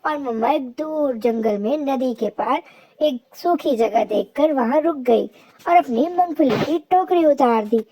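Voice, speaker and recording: A woman narrating a children's cartoon story in a simple, even storytelling manner. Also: sits high, a little slow, a little hiss or hum.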